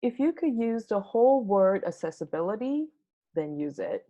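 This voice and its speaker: Measured woman speaker on a dull recording. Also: mid-range voice, sing-song, warm tone. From Taiwan. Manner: measured, explanatory delivery. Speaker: conference speaker. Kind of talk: prepared tech talk. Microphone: home recording for online talk.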